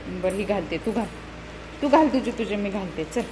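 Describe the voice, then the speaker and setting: A young woman with a Marathi accent chatting in a family vlog, talking softly to the camera and calling out loudly to her small children. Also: mid-range voice, lively intonation, moderate pace, noisy background. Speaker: vlogger and mother. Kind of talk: casual family vlog chat. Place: home and school grounds.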